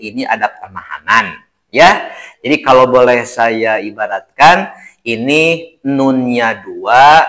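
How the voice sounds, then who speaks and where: A man's voice: mid-range voice, fairly bright tone. A man teaching Quran recitation, over-enunciating and stretching key words with emphatic repetition. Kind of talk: spoken tajwid lesson with demonstrated recitation.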